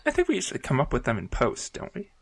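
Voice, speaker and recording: A man co-hosting an improv comedy podcast, playful and quick with puns. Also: mid-range voice, huge pitch swings, gravelly, slightly rough, dry recording, studio quality. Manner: playful, punning. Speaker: podcast co-host. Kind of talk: casual improv comedy chat.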